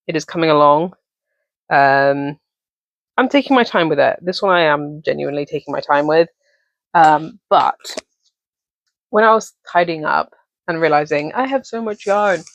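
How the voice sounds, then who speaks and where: A crochet vlogger, a young adult with an English accent, talks casually to camera in a home office, rambling through many ums and self-corrections. The mid-range voice comes through a dull, dry recording.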